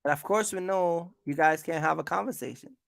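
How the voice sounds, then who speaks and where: A YouTube content creator who vlogs about trucking calls out competitors to camera in a casual, combative rant, hammering points and asking rhetorical questions. He speaks briskly at medium pitch with vocal fry. The sound is dry and studio-clean.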